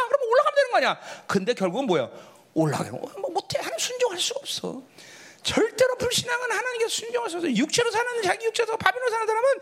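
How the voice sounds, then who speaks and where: A pastor preaching a sermon, swinging between high exclamations and low murmurs and calling on members of the congregation by name. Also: male voice, a bit bright.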